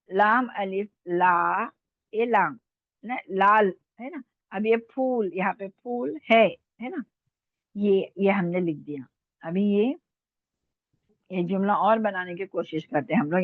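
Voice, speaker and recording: A woman's voice: medium pitch, dry recording. A woman teaching an Urdu lesson online, patiently sounding out letters and checking that her students follow. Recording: tinny phone-like dry sound.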